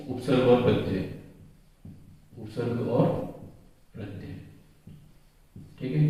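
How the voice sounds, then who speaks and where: A man's voice: medium pitch, dark tone. A male English grammar teacher who goes through slides step by step, repeats each rule and asks and answers his own questions. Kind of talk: slide-based grammar lesson. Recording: very echoey room, voice from a distance.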